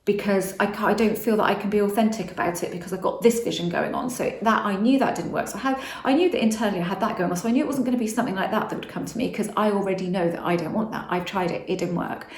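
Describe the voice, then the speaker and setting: A woman's voice: medium pitch, fast talker, few pauses, echoey room. A woman vlogging about manifestation in a casual, rambling monologue, often restarting and correcting herself.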